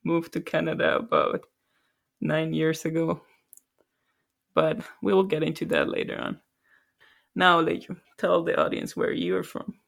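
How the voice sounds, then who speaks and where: A woman from Colombia co-hosting a podcast, speaking softly in a reflective, self-deprecating way. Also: low-pitched, level tone, normal speed, creaky, pauses often. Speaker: podcast co-host. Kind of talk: casual podcast chat.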